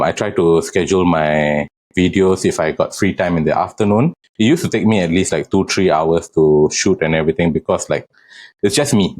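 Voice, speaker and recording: A man's voice: low-pitched, a little mellow. A man with a Singaporean accent, speaking casually and chattily as an interview guest. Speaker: interview guest, real estate agent.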